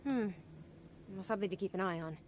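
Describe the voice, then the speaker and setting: A woman plays a level-headed female agent in a video game, speaking quickly and plainly. A steady ambient hum sits behind her voice. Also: medium pitch, close to an everyday voice. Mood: matter-of-fact.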